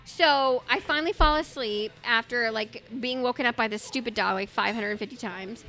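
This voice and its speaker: A woman telling a rambling, animated story in casual chat, swearing freely and acting out what others said. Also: a little high, normal speed, faint music behind. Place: brewery.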